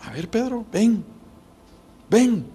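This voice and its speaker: A man's voice: high-pitched, sing-song, slow pace, mellow, slightly rough. A man preaching a sermon as pastor, building emphasis with rhetorical questions.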